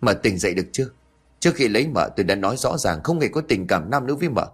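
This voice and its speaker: Narrator doing a cold young master, stern and scolding, quick delivery. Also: male voice, on the low side, lively intonation, husky.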